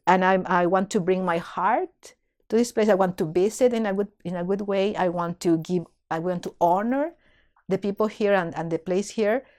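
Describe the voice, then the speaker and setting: A woman's voice: mid-range voice, a little mellow. A middle-aged woman, a guest on a podcast, speaking earnestly and emotionally in a reflective storytelling way, often restarting her phrases. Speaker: podcast guest, community leader and dance teacher.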